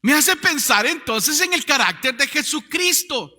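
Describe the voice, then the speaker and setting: A man preaching a sermon as pastor, calling out to his congregation to repeat words, swinging from loud proclamations to quiet low lines. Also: lively intonation, unhurried. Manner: preaching with call-and-response to the congregation. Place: church sanctuary. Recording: church hall reverb.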